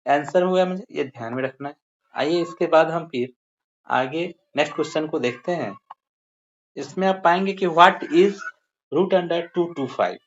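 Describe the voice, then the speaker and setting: A patient maths teacher walks pupils through each sum step by step, counting the figures aloud and calling the class dear children. The voice sits at a middling pitch. The recording is slightly muffled, with a faint hiss underneath. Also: measured pace.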